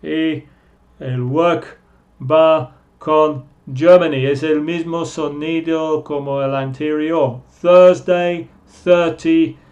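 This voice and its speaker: Male teacher, slow and patient, repeats sounds, slightly high pitch. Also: fairly even intonation, darkish tone, muffled recording. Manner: drawn-out, repeats sounds slowly. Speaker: English teacher. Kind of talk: slow pronunciation lesson.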